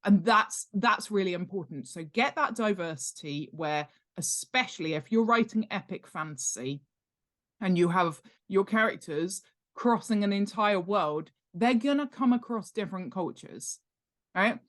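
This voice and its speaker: With a mid-range voice and lively intonation, a middle-aged British woman speaks a little slowly. She is a podcast guest, an author with expertise in world-building, offering a conversational explanation in the interview and stressing points by repeating words emphatically.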